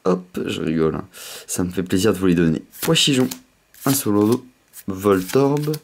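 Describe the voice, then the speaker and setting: A man with a slight lisp hosting a casual unboxing, chatting in an excitable way. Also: low voice, moderate pace, slight background noise. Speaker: host of a card pack opening video.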